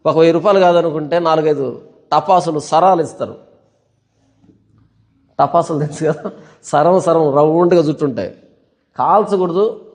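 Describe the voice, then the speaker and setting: A man's voice: high-pitched, a little mellow. A male pastor preaching a sermon, emphatic, firing rhetorical questions at the congregation. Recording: long hall reverb.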